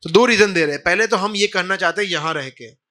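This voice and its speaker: Bright high-voiced male preacher. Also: a little fast. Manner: reads verses then explains in mixed Hindi and English. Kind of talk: scripture class.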